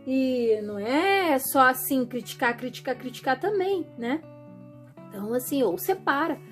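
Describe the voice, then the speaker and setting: A woman talking to her viewers in a chatty, animated way, often acting out what other people say. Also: high voice, measured pace, faint music behind. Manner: chatty, animated, acts out quoted voices. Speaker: vlogger. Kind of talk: casual monologue to camera.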